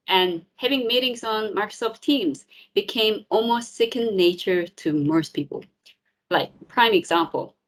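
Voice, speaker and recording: A friendly woman in her thirties gives a presentation at an online tech meetup. She sounds upbeat and a little informal, with the odd um along the way. Her voice sits slightly low for a woman. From South Korea, raised in New Zealand. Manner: friendly, upbeat, with filler ums. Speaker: tech community speaker. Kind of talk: presentation talk.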